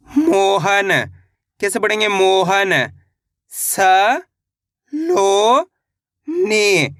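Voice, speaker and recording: A man's voice: sits high, fairly bright tone, dry recording, clean studio sound. A man teaching a reading lesson. He sounds out each syllable on its own, then joins them into a word, and asks the viewer questions as he goes.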